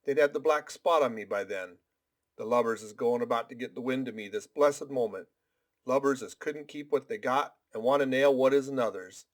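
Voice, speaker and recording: A man voicing a sick, desperate old sea captain who pleads and curses in rough sailor talk. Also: medium pitch, moderate pace, lightly acted. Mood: agitated.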